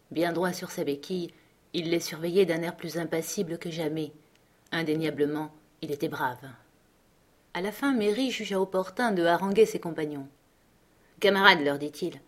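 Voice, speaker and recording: A woman narrating a classic adventure novel aloud in a measured, expressive storytelling voice. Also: fairly low pitch, slightly rough. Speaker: audiobook narrator.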